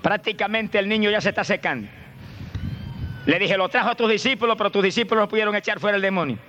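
A fervent male preacher, his high, bright voice swinging between hushed low asides and soaring shouts of praise. Faint outdoor noise hums behind him. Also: fast talker, dull audio. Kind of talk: fervent sermon.

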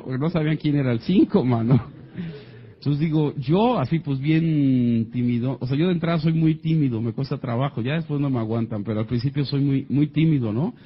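A man with a Mexican accent tells an audience a funny story from his own life, animatedly acting out the voices of the people involved. His voice sits in the mid range, and the audio sounds dull.

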